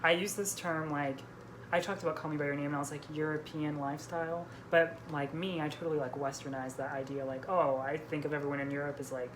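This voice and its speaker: Talking fast in a low, steady voice, a woman chats informally on her book vlog, leaning heavily on "like" as filler. The room behind her is noisy.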